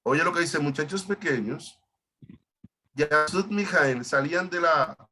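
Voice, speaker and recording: Bright-voiced pastor teaching a Bible study. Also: male voice, a little high, a little hiss or hum. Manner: halting, repeats words, explains Hebrew terms.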